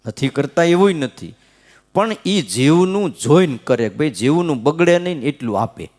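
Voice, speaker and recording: A man's voice: fairly high pitch, animated, moderate pace, darkish tone. A man, a swami giving a devotional scripture discourse, talking conversationally, checking in with his listeners and chanting verses. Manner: conversational preaching, frequent "hm?" checks, sing-song verse chanting. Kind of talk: devotional katha sermon. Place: gurukul temple hall.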